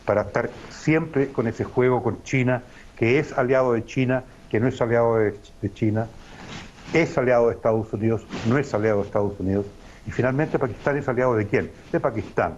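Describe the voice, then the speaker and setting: A man's voice: medium pitch, brisk, a little mellow, lo-fi sound, slight background noise. A man as a guest analyst, explaining in an emphatic, professorial way with frequent hesitations. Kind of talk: lecturing analysis on a talk show.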